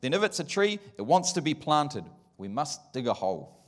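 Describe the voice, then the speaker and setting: A man voicing a thoughtful, prim female talking elephant in a storybook reading, polite and measured. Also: on the high side, big pitch swings. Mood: decisive.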